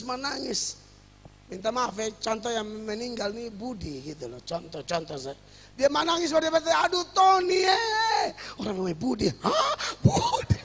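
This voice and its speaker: A pastor delivers a lively, humorous sermon. His voice sits unusually high and carries a gravelly rasp. The long reverb of a church hall trails every phrase. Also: a little hiss or hum. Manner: lively preaching with humor and acted quotes.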